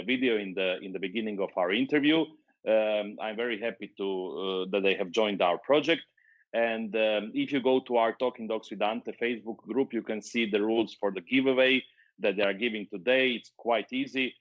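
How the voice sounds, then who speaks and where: Man hosting a live interview, halting. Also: fairly low pitch. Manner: halting, many fillers and restarts. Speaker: interview show host. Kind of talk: live-streamed interview, reading viewer comments. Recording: dull lo-fi stream audio.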